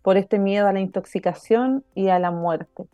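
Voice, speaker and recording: Woman, calm explaining voice. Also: medium pitch, normal speed, dry recording. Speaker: guest, mycologist and author. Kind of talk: interview answer.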